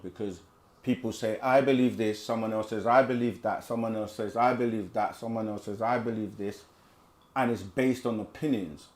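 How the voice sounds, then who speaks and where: On a live question-and-answer stream, a man with a lowish, slightly mellow voice reads chat questions out loud and gives long, casual answers. His manner is conversational, and he tends to say things more than once.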